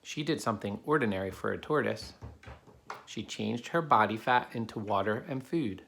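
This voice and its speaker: An animated man with a voice on the low side reads a picture book aloud to a child helper, explaining things simply. He talks at a normal speed with a fairly bright tone, against clear background noise.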